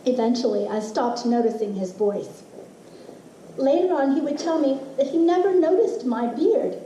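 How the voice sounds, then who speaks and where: A middle-aged woman reads a literary personal essay to a live audience, her mellow, soft-edged voice sitting a little high. She delivers it expressively and deliberately, using dramatic pauses. The distant mic gives a clearly roomy sound with faint noise.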